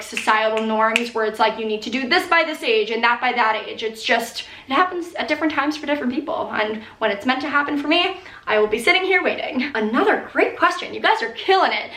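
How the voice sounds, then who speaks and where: Early 20s girl doing a casual q&a, giggly animated storytelling, says like a lot, bright forward voice, echoey room. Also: a little high. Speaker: video host answering viewer questions.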